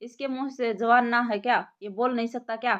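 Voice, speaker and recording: A tough policewoman barks questions and scolds, sharp and bossy, as a woman storyteller plays her. Her voice is fairly high. The sound is dull and lo-fi. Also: fairly even intonation, a little fast, close to an everyday voice. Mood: stern. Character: stern tough young policewoman. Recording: lo-fi muffled recording.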